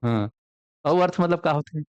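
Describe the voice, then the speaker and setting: A man's voice: a little high, animated, brisk, a little mellow, clear, resonant tone, no echo, muffled recording. Man teaching a quiz-style class. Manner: quizzes students with frequent call-and-response questions. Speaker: exam coaching teacher. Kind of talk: classroom lecture.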